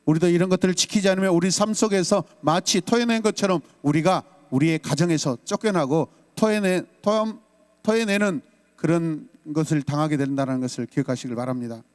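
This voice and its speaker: A man's voice: fairly high pitch, fairly quick, a little mellow, long reverb tail. A man from South Korea preaching a Sunday sermon as pastor, emphatic and rousing, calling out lines for the congregation to repeat.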